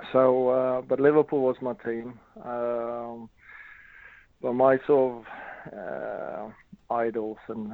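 Over a tinny phone line with no echo, a middle-aged Norwegian former footballer answers interview questions in a casual, halting way, full of fillers. His voice is mid-range and gravelly, with a Norwegian accent.

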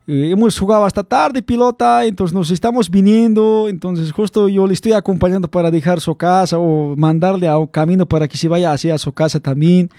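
A man's voice: high-pitched, fairly quick, hardly any pauses, dark tone, dry recording, clean studio sound. A young man rambling through a personal story, chuckling often and calling his listener by slang nicknames. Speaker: vlog host telling a story. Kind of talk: casual storytelling to camera.

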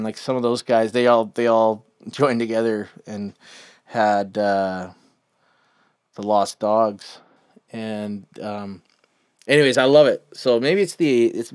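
A man with a western Canadian accent casually introducing music as a show host, rambling and halting as he goes. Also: lowish voice, a little mellow, clean tone. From Chilliwack, British Columbia, Canada.

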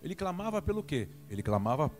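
Man, Brazilian Portuguese accent, preaching, animated, acts out scenes, soft guitar music behind. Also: fairly high pitch, fast talker. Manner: animated, acts out dialogue and prods the congregation. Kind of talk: sermon.

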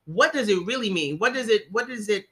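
A woman speaks with a bright, clear voice in an easygoing discussion. She works through her thoughts earnestly, restarting phrases and trailing into fillers as she goes. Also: mid-range voice, expressive, fairly quick. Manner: earnest, rambling with many restarts. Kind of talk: casual discussion.

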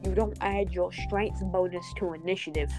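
A woman's voice: lowish voice, fairly even intonation, normal speed, music in the background. A woman narrating as dungeon master, often stopping and restarting her lines. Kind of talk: narrating a tabletop game.

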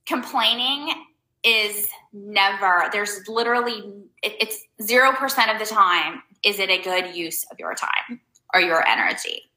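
A woman's voice: mid-range voice, measured pace, bright, forceful tone, roomy sound, rough recording. A woman hosting a casual advice talk for her viewers. She rambles loosely, leans hard on fillers like "um" and "like", and makes blunt, emphatic points. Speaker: host giving life advice.

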